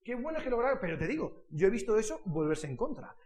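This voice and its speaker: Fast-talking high-voiced Spanish preacher man. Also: big-room sound. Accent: Spain. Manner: animated storytelling with quick asides and laughter; asks the congregation if they follow. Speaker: pastor. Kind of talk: sermon. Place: church hall.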